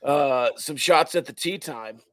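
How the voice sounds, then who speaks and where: A man hosting a casual football talk show, his voice hoarse, raspy and strained. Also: on the high side, a little slow, no room sound, clean studio sound. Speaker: sports show host.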